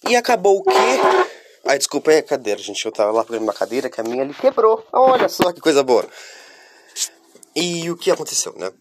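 A man's voice: fairly high pitch, very animated, fast, a little hiss or hum. A man from Curitiba, talking to viewers in a rambling, confessional vlog while stuffy from a cold. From Curitiba, southern Brazil. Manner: rambling, talks straight to viewers. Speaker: vlogger. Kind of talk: casual confessional monologue.

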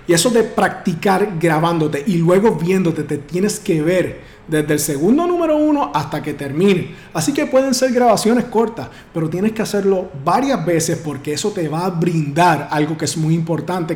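A man coaching on public speaking, projecting his voice firmly with big deliberate swings in pitch. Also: lively intonation, darkish tone. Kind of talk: instructional talk to camera. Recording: roomy echo.

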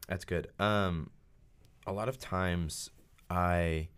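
A man's voice: deep voice, fairly even intonation, drawn-out words, a bit bright, smooth. A man hosting a podcast, talking casually about faith with many fillers and acting out quotes in a raised voice. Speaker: podcast host.

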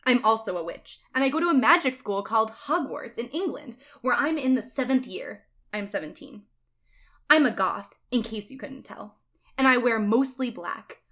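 A woman's voice: a little high, expressive, moderate pace, fairly bright tone. A woman reading a fan fiction aloud, narrating in a mock-earnest, dramatic way. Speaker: reader.

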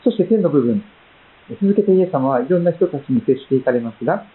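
A man preaching a sermon as pastor, reading scripture and praying in a measured, gentle way with frequent pauses and fillers. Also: a little high, expressive. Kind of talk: sermon with Bible reading and prayer. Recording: tinny phone-like sound.

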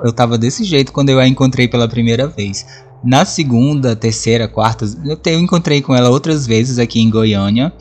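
Brief: male podcast host, relaxed chat about music, lively and a bit crude. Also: medium pitch. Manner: lively storyteller who acts out his own reactions; swears casually. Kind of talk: casual monologue about favorite songs.

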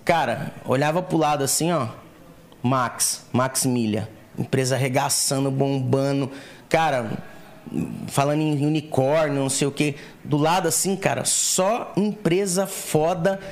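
A man's voice: mid-range voice, measured pace. A man telling a story with animation on a casual podcast, acting out the dialogue as he goes. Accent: Brazilian Portuguese. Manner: animated, acts out quoted dialogue. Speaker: guest, co-founder.

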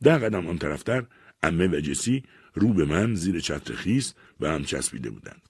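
Deep, husky male storyteller. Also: big pitch swings, dry recording, clean studio sound. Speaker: audiobook reader. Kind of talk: scripted story narration.

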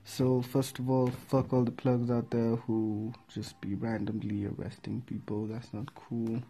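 A man's voice: medium pitch, flat delivery, unhurried, vocal fry, dark tone. A young man hosting a casual podcast, talking in a laid-back, slangy, rambling way with lots of fillers. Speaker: podcast host.

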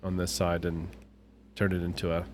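A man's voice: low voice, completely flat delivery, normal speed, slight background noise. A young man co-hosting a podcast, chatting casually and rambling, often slipping into voices to quote people. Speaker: podcast co-host. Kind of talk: casual chat.

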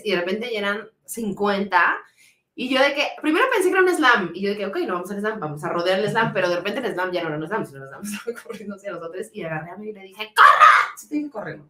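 A woman with a Mexican accent, co-hosting a podcast and telling a story in an animated, slangy way. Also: mid-range voice, fast talker, reverberant. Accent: Mexican Spanish. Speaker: podcast co-host. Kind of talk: casual chat.

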